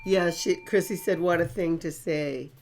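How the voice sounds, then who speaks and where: A woman's voice: on the low side, a little slow, vocal fry, background noise. A woman co-hosting a casual live-stream chat show, teasing and giggly. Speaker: co-host.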